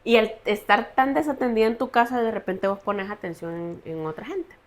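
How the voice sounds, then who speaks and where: A young woman, telling her personal story as a podcast guest in an earnest, halting way. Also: a little high. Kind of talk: personal testimony in a podcast interview.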